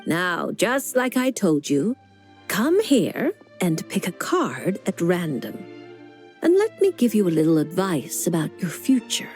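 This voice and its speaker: Slow, cryptic witchy fortune teller. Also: on the low side, huge pitch swings, a little mellow, faint music behind. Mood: cryptic, matter-of-fact. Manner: measured, cryptic, teasing. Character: creepy, knowing old witch-like woman fortune teller. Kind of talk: video game character dialogue.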